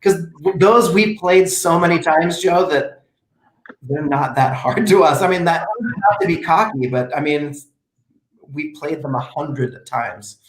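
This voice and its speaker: An animated man tells stories in casual chat, breaking off and restarting his sentences as he goes. His voice sits a little high for a man, and it rings in an echoey room. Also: unhurried. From United States. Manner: animated storyteller, restarts often. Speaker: performer and show host.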